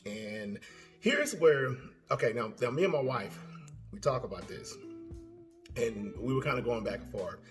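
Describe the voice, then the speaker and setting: A man's voice: mid-range voice, expressive, unhurried, pauses often. Channel host, male, mid-range voice, hesitant off-the-cuff commentary over light guitar. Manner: rambling, hesitant, many fillers and restarts. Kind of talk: casual spoken commentary.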